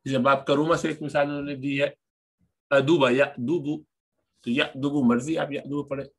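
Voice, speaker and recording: A man's voice: mid-range voice, flat delivery, husky. Man patiently teaching Arabic grammar. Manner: patient, repeats each form slowly while explaining. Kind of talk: recorded lesson explaining grammar.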